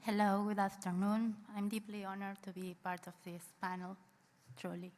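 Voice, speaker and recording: A woman from Argentina speaks to a conference panel at a middle pitch. She explains things in a friendly way. Her voice trails off into the long reverb of a hall. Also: flat delivery, moderate pace, darkish tone. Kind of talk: conference presentation.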